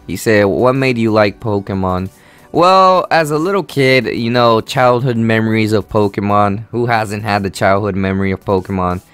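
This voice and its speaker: 18 yr old guy from honduras doing a chill q&a vlog, lowish smooth voice, lots of ums, faint music underneath. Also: moderate pace, fairly bright tone, no room sound. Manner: rambling, filler-heavy, easygoing. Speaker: gaming channel host. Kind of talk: casual Q&A vlog.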